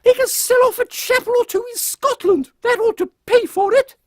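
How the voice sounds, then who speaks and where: Very high-pitched, imperious queen, Victoria. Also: normal speed, dry recording, clean studio sound. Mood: brisk, imperious. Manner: haughty, scolding, formal old-fashioned phrasing. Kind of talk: comic audio drama acting.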